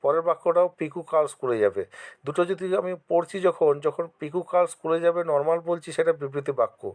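A man's voice: a little high, fairly quick, a little mellow. Bengali-accented man teaching. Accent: West Bengal Bengali. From West Bengal, India. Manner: reads each question, then answers and gives examples; addresses students directly, encouraging. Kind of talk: exam-prep lesson.

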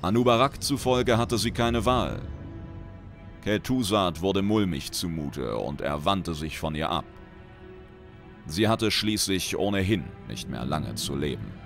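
Deep-voiced man narrating a dark tale. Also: lively intonation. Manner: measured, dramatic storytelling. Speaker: reader and lore commentator. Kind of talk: reading a fantasy short story aloud. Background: background music.

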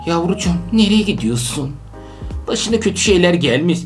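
Animated, laughing adult gamer. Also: mid-range voice, normal speed, faint music behind. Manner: animated, laughing, frequent outbursts. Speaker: let's-play gamer playing with their daughter. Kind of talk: excitable gameplay commentary.

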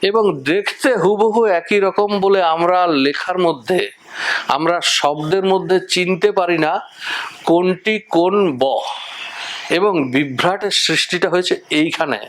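A man explaining the letters and their sounds in a measured, step-by-step spoken lesson, listing examples one by one. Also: high-pitched, fairly bright tone. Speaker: teacher of Bengali script.

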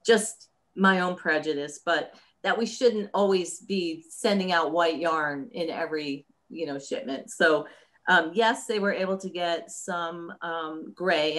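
A woman running a yarn business, explaining things in a casual chat over a video call, slow and thoughtful, with many pauses and restarts. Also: lowish voice, fairly bright tone. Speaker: yarn company owner hosting a subscription chat.

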